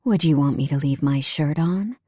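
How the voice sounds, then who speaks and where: A woman narrating a romance audiobook in first person, her voice somewhat low and mellow. Her reading is soft and unhurried, and the studio recording sounds dry and close. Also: husky, no echo.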